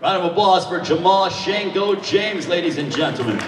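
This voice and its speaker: High-voiced male boxing announcer in echoing hall. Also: lively intonation, noisy background. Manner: showman delivery with drawn-out fighter names. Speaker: boxing weigh-in ring announcer. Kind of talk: live sports announcing. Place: large echoing event hall. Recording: echoey hall PA, distant from mic.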